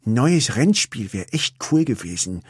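A man voicing a spunky, restless young girl racer in a storybook reading, with a high, cheeky voice. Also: very animated, a little slow, breathy edge, no room sound, clean studio sound. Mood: bored, wistful.

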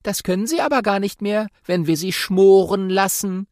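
A man's voice: high voice, normal speed, darkish tone, no room sound, studio quality, pitched above the performer's own voice, close to an everyday voice. A man doing a cheeky young pig. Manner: teasing, cheerful.

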